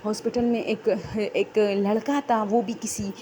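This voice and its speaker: A woman's voice: medium pitch, little pitch movement, dark tone. A woman telling her own horror story in a rambling, unscripted, conversational way.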